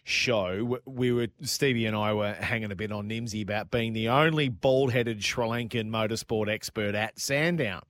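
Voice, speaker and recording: A man's voice: on the low side, normal speed, hardly any pauses, fairly bright tone, dry recording. A man co-hosting a radio show, joking and reading out listener texts. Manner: jokey, reads listener texts with a laugh. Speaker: radio co-host. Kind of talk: casual radio banter.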